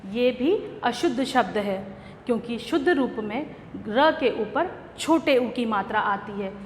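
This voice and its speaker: Woman teacher, slightly high voice, patient lesson delivery, echoey room with faint rumble. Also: lively intonation. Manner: slow, patient explaining to young children. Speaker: school teacher. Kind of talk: online grammar lesson.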